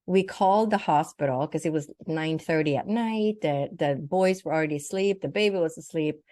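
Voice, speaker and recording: This older woman, who grew up in Sweden and works as a naturopathic doctor and spiritual teacher, relates a personal experience as an interview guest, moving step by step through vivid detail and performing people's words. She speaks at normal speed in a warm, slightly low voice, and the recording is dry without echo.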